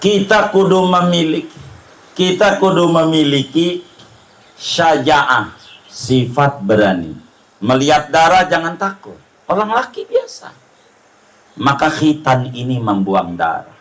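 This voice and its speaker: A man preaching at a family celebration, speaking. His voice sits fairly high and he takes his time, leaning on words slowly for emphasis. He mixes humorous anecdotes into the sermon. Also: big pitch swings, a bit bright, rough recording. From Indonesia. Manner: humorous storytelling with slow emphatic stresses. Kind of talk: sermon at a circumcision feast.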